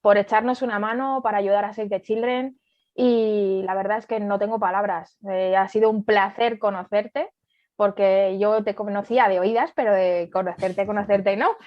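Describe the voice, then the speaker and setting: Muffled lo-fi call, woman, Spain accent, chatty interviewer, medium pitch, dry sound. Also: steady tone, moderate pace, no room sound. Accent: Spanish from Spain.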